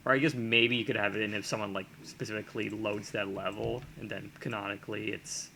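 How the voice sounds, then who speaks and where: A man's voice: lowish voice, fairly even intonation, fairly quick, gravelly, pushed and bright, a little hiss or hum. A man streaming while he sculpts, chatting casually and musing aloud, often chuckling and trailing off into fillers as he works, into a desk microphone.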